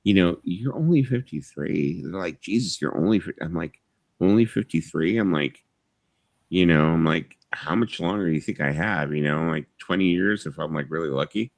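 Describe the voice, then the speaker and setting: A man in his fifties with a low, gravelly voice, chatting loosely on a live stream. He rambles, swears freely and leans on you-knows. The sound is dry and close. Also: normal speed, dry recording. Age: 50s. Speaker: livestream host. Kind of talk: casual live-stream chat.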